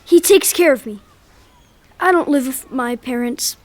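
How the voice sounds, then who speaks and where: A man's voice: very high voice, a little slow, no room sound, pitched above the performer's own voice. A man voicing a foul-mouthed grown man stuck as an eight-year-old boy, whiny and bratty, in a comedy table read. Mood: pitiful. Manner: whiny, fake-sobbing, bratty.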